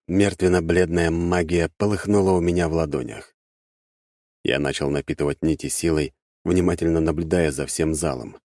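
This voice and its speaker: A man narrating a first-person fantasy audiobook in a measured, wry manner. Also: extremely low pitch, darkish tone, dry recording. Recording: dry close studio sound.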